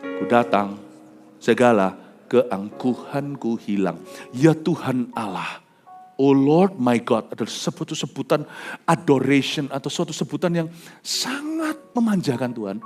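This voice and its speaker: A male pastor preaching a sermon with dramatic swings from loud declarations to hushed near-whispers, mixing in English phrases. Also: a little high. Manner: mixes English phrases into his talk, sings worship lines.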